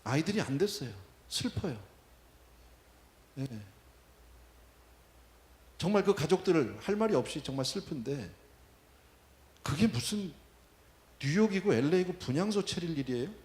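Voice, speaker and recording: A man's voice: a little high, expressive, normal speed, long pauses, a little mellow, echoey room. A man preaching a sermon, talking in a conversational way and asking the congregation questions. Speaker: pastor. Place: church.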